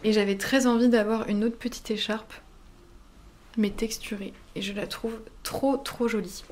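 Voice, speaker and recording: A woman's voice: a little high, steady tone, unhurried, darkish tone. A woman chatting casually in her knitting vlog, talking easily with many fillers and self-corrections. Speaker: knitting vlogger. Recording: roomy echo, faint background hum.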